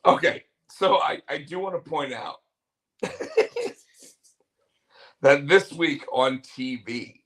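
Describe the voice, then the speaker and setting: Slow-talking, excitable male podcast co-host. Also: a little high. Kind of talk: casual chat.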